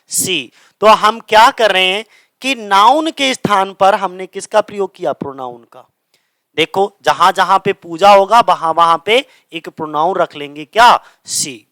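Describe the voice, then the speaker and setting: Bright-voiced male teacher, self-answering questions. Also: high-pitched, clean tone, dry recording. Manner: asks questions and answers them himself, repeats key words. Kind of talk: grammar lesson explaining in Hindi.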